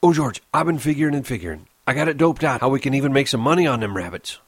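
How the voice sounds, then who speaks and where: A man's voice: mid-range voice, expressive, fairly quick, breathy edge, no room sound, pitched above the performer's own voice. A man voicing an anxious, earnest old ranch hand. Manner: earnest, pleading.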